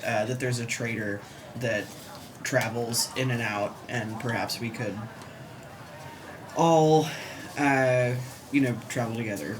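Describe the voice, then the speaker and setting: A tabletop player speaking slowly and hesitantly, pausing to think between phrases. A clear ambient hum runs behind the voice. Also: medium pitch. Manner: thoughtful, hesitant. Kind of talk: tabletop game play.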